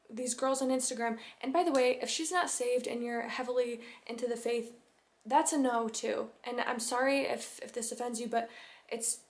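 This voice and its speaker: Earnest young woman giving faith advice. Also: on the high side. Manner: earnest, preachy, with restarts. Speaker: vlogger. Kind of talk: casual faith-based advice vlog.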